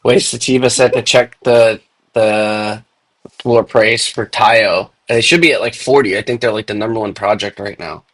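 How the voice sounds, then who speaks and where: A man's voice: on the low side, normal speed, fairly bright tone. A young man hosting a casual crypto chat, laid-back and filling his talk with "dude" and "like". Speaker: podcast host.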